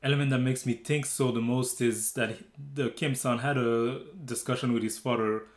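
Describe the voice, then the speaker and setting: A man's voice: mid-range voice, fairly even intonation, moderate pace, roomy sound. A man co-hosting a movie review talk, thinking aloud with fillers and restarts. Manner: thoughtful, hesitant with fillers. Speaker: movie review podcast co-host. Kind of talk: casual conversational film review.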